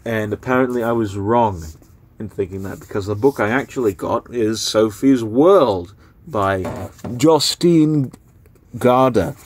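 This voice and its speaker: A young man casually talking through books he is giving away, rambling with lots of fillers. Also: on the low side. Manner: rambling, filler-heavy, unhurried. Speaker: book vlogger. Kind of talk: casual spoken book review.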